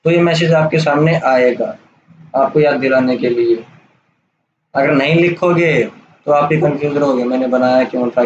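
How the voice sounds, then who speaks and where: A man giving a casual, step-by-step software tutorial over a screen recording, checking in often with the listener. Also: medium pitch. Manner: casual, explains step by step with "theek hai" checks. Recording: roomy, dull lo-fi sound with faint hiss.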